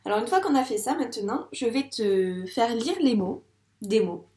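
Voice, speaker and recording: A woman teaching a reading lesson to young children in a patient, encouraging way, sounding out words slowly at the board. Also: fairly high pitch, lively intonation, warm tone, echoey room. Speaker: primary school teacher. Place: classroom with a board.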